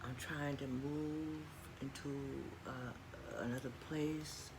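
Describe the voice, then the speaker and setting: A woman's voice: deep voice, fairly even intonation, takes it slowly. A woman doing mukbang eating, chatting in a folksy way to viewers between bites with appreciative mmm sounds. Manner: folksy, addresses viewers as y'all. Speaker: mukbang vlogger. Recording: clearly noisy background.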